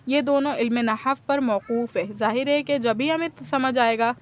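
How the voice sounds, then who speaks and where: A woman giving a patient grammar lesson, often pausing to check that students follow. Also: on the high side. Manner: patient, keeps checking understanding with "okay?". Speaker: teacher of Arabic grammar. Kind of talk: explanatory classroom lecture.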